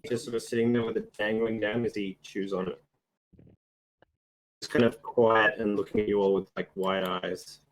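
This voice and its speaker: A man narrating a tabletop game as game master, relaxed and casual, laughing often. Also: on the low side, moderate pace, low-quality recording.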